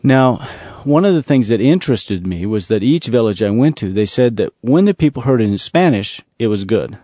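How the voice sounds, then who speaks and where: A man telling a testimony from his mission travels, earnest and repetitive, slowing down to stress key words. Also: fairly low pitch, lively intonation, warm tone, no echo, clean studio sound. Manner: earnest, repetitive storytelling with slow emphasis. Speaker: ministry speaker telling a mission story. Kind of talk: storytelling testimony.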